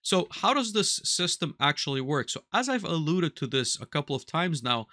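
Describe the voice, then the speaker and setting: A man in his thirties, an automation instructor, walks through a screen-recorded software tutorial step by step over a headset mic, explaining methodically and saying each step aloud. He's in a small workshop room with control panels. His slightly high, sing-song voice moves at a moderate pace, and the sound is clean and studio-like, with no echo.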